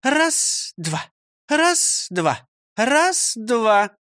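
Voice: medium pitch, sing-song, drawn-out words, fairly bright tone, no room sound, clean studio sound, voice pushed up, full character voice. A reader voicing a strict elderly woman schoolteacher who scolds and commands, in an audiobook reading. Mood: drilling. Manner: scolding, commanding, counts out exercises.

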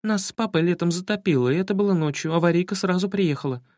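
A woman's voice: fairly low pitch, fast talker, darkish tone, dry recording, clean studio sound, voice pushed up, natural voice. A man voicing a clever, bookish girl who explains things precisely. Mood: objecting.

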